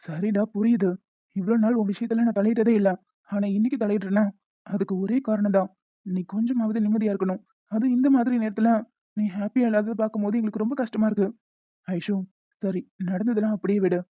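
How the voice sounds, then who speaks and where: Woman voicing a caring cartoon friend, gentle coaxing advice, phone-like tinny sound. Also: medium pitch, fairly even intonation, brisk, dry recording, lightly acted. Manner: coaxing, advising. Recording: tinny phone-like dry recording.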